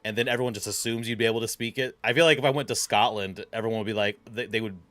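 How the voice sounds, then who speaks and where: A man's voice: fairly low pitch, steady tone, rapid-fire, fairly bright tone, no echo. Chatty American man playing a game. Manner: chatty, laughing, bursts of speed. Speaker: gaming channel host. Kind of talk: let's play commentary.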